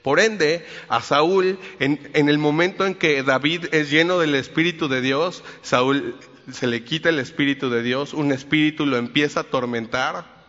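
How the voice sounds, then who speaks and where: A man's voice: on the high side, normal speed, a bit bright. Casual male preacher in a reverberant hall. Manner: casual storytelling, retells scripture in everyday speech. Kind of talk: conversational sermon. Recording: reverberant hall, dull lo-fi sound.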